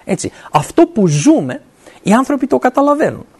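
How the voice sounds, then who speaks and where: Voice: high-pitched, very animated, darkish tone, husky. A middle-aged preacher giving an earnest sermon. The speaker often stops to ask "right?" and works scripture quotes into the talk. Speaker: university academic.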